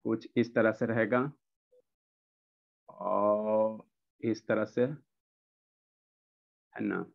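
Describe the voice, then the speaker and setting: A man's voice: on the low side, little pitch movement, drawn-out words, vocal fry, long pauses. Teacher, male, online class over a dull video call line, asks and answers his own questions, drills each point.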